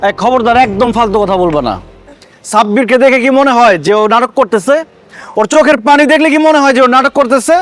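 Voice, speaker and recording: An earnest, kind-hearted husband. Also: male voice, high-pitched, expressive, quick pace, soft background music. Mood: earnest pleading. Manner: earnest, lecturing, pleading. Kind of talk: TV drama acting.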